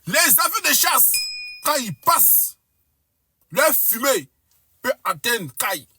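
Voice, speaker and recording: A woman's voice: high-pitched, sing-song, slow, noisy background. A woman giving fervent, boastful commentary to viewers, piling up exaggerated claims. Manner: emphatic, boastful, hyperbolic.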